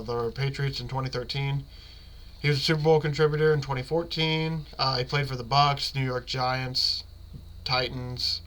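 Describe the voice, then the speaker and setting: A man's voice: mid-range voice, sharp tone. A man hosting a casual solo sports podcast while sick, sounding stuffed up with a blocked nose and phlegmy throat, in a rambling, slangy way.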